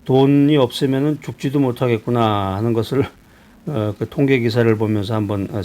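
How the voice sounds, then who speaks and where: A man from Seoul, a pastor giving a conversational sermon, asking his listeners questions and pausing on hesitations. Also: medium pitch, darkish tone. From Seoul, South Korea. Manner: conversational preaching with rhetorical questions and frequent hesitations.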